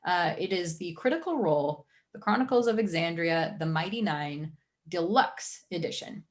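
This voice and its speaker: A woman's voice: fairly low pitch, lively intonation, normal speed. A woman hosting a live stream, chatting casually through new releases with many fillers and restarts.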